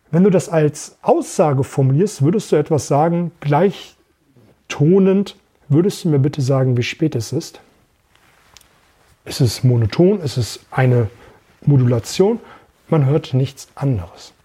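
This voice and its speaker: Fairly high-pitched yet mellow, this man's voice has a slight roughness. He's a middle-aged podcast host and sales trainer giving a lively, casual monologue on sales and voice work, repeating phrases and showing off techniques.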